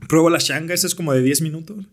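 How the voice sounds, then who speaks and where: A man's voice: on the high side, very fast. A young man with a Mexican accent, a podcast guest telling stories in slangy, laid-back talk. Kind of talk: casual storytelling interview.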